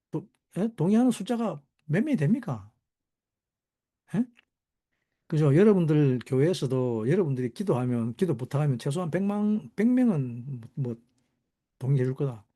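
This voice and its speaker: Male Bible teacher, sermon delivery, rhetorical and questioning, dark mellow tone. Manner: rhetorical, constantly asking the audience "right?"; animated, sudden pitch jumps for emphasis.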